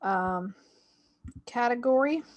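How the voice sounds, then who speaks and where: A woman's voice: a little high, animated, slow pace, highs cut off, slight background noise. A woman reviewing a homeschool website, talking casually and thinking aloud as she clicks through it. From Canada. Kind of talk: screen-share website walkthrough.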